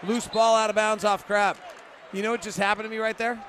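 A man doing live basketball play-by-play, in clipped running descriptions that burst into excited calls. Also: sits high, fairly quick, a faint crowd. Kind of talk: live game commentary. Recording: noisy arena sound. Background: gym noise, bouncing basketball.

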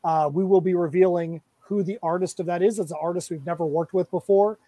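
A man's voice: sits high, fairly even intonation, a little fast, dark tone, dry recording. A man who creates comics, chatting casually on a podcast about his project, upbeat and rambling.

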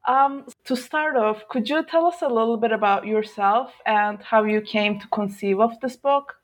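Woman interviewer, mid-pitched, formal measured host reads. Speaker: podcast interviewer. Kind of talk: scripted introduction and interview questions.

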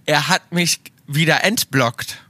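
A man in his thirties co-hosting a casual chat podcast, telling gossip in an animated way and acting out what others said. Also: a little high, slow pace, no room sound. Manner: animated, gossipy storytelling with quoted voices. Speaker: podcast co-host. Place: bar.

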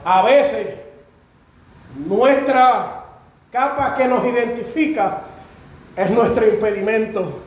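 Fervent high-voiced male preacher. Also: takes it slowly, long pauses, a little hiss or hum. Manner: fervent, rising to shouts on key phrases. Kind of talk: sermon. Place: church sanctuary. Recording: very echoey church hall.

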